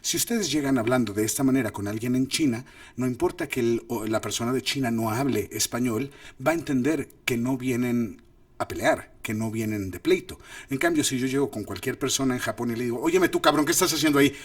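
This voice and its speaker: A middle-aged man gives a relaxed acting masterclass, his pitch sitting in an ordinary middle range. He jumps into playful acted-out examples as he explains. He sits a little back from the mic in a dry room. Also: a little fast, no echo. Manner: animated, demonstrates lines with exaggerated voices. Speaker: host and filmmaker teaching acting. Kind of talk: casual masterclass talk. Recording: distant mic, dry sound.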